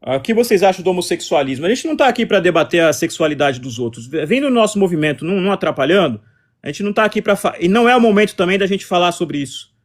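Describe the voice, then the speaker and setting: A man's voice: sits high, expressive, quick pace. A man with a Brazilian accent hosting a casual live stream, talking combatively and repeating himself as he answers chat comments. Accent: Brazilian Portuguese.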